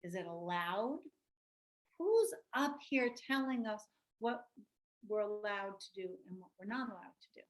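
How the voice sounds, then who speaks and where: A woman's voice: medium pitch, lively intonation, measured pace. A woman presenting an online workshop on a video call, talking reflectively, telling stories and asking the group questions.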